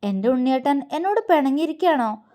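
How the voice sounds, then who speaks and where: A woman voicing a gentle young wife who coaxes and teases softly. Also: sits high, very animated, fast. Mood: coaxing. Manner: coaxing, teasing, soft.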